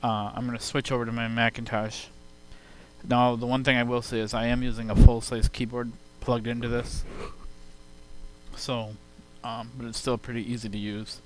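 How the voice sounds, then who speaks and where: Man with flat delivery over clear hiss. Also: mid-range voice, moderate pace, rough recording. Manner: explanatory, step-by-step. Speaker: software demonstrator. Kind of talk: informal spoken demo. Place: recorded on a computer sound card. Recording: hissy home computer sound-card input.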